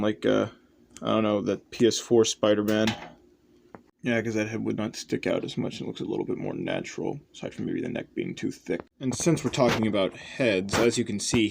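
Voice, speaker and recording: A young man with a lowish, somewhat mellow voice shows off a hobby piece on his toy customizing channel, chatting offhandedly and rambling while making fun of himself. Noticeable noise runs through the homemade recording.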